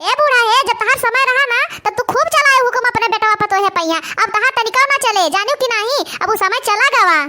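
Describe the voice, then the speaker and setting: A woman voicing a harsh, bossy daughter-in-law in a cartoon, with an Awadhi accent and a sharp, scolding way of talking. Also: very high voice, fairly quick, hardly any pauses, noisy background. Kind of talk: cartoon voice acting.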